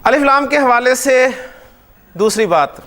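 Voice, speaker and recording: Man, high voice, classroom grammar lecture, keeps asking the class if it's clear. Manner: animated, asks the class frequent check questions. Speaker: Arabic grammar teacher.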